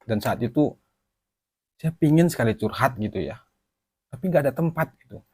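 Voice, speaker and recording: A man giving an emotional personal testimony to his viewers, talking haltingly and apologizing for stumbling over his words. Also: mid-range voice, animated, darkish tone, husky, no echo. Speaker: channel host.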